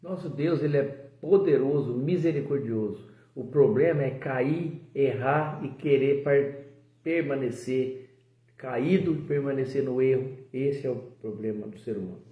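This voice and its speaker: A man's voice: mid-range voice, a little slow. A man co-leading a devotional, preaching and praying emphatically and repeating key phrases. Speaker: co-host leading prayer. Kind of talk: preaching and prayer. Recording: echoey, dull lo-fi sound.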